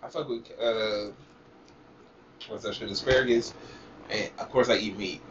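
A man's voice: lowish voice, normal speed, crowd noise. A man co-hosting a show in casual banter, swearing freely in slangy frat-bro talk full of "bro" and "bruh". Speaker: show co-host. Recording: distant lo-fi mic, faint noise.

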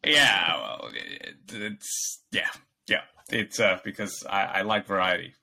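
A man's voice: low-pitched, sing-song, slow pace, creaky, sharp tone. A young man from Bangladesh, co-hosting a podcast in casual chat, rambling and laughing often as he acts out quoted dialogue. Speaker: podcast co-host.

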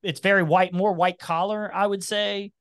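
A man's voice: sits high, normal speed, smooth, no room sound, studio quality. A man from Cincinnati with a slight Appalachian twang, chatting casually and rambling as a podcast guest. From Cincinnati, Ohio, US. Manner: rambling, animated, many restarts.

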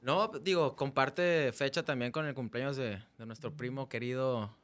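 A man's voice: medium pitch, moderate pace, a bit bright. A man with a Mexican accent chatting casually as co-host of a sports talk show.

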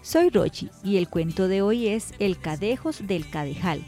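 A woman who hosts and narrates children's stories in an expressive storytelling manner. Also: mid-range voice, unhurried, soft background music. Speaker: storyteller host.

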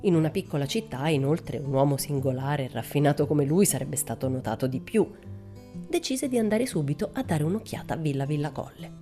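Low-voiced woman reading a children's story. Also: soft background music. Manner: measured, expressive storytelling. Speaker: audiobook narrator.

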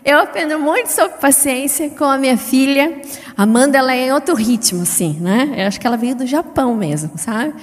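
High-voiced woman preaching in a hall. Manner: lively, chatty, wide swings in pitch and loudness; self-described fast-paced. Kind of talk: sermon. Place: church hall. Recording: long hall reverb.

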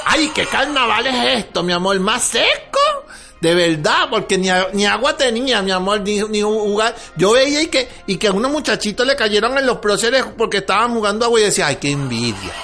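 A man's voice: high voice, animated, fairly quick. A man voicing a chatty, cheeky middle-aged woman with a Venezuelan accent in a comedy monologue, calling listeners "mi amor". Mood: gossiping. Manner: chatty, calls listeners "mi amor", laughs often. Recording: music playing underneath.

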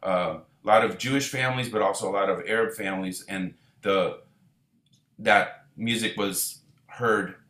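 An Israeli band leader speaks at length in a casual interview, his voice on the low side at a moderate pace, in a room with some echo. He sounds relaxed and rambling, with plenty of fillers and restarts.

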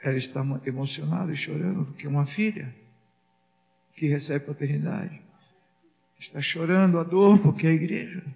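A man's voice: on the high side, normal speed, gravelly, long pauses, a little mellow, long reverb tail, soft background music. A man preaching as a pastor, asking the congregation rhetorical questions and acting out little dialogues. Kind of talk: sermon.

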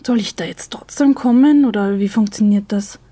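A woman's voice: mid-range voice, normal speed, dry recording, lightly acted. A woman voicing a nervous, hesitant young man in an audio story. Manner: excited, hesitant.

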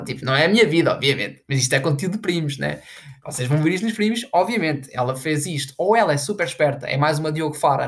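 Low-voiced sarcastic Portuguese woman ranting. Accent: European Portuguese. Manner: profane, rambling, sarcastic. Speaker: content creator. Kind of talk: casual commentary rant.

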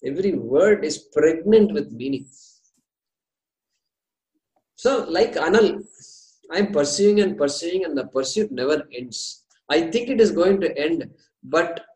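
Indian-accented male spiritual teacher, higher-pitched voice. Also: darkish tone. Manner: deliberate, repeats key phrases for emphasis. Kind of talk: religious discourse, explanatory teaching talk. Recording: echoey room.

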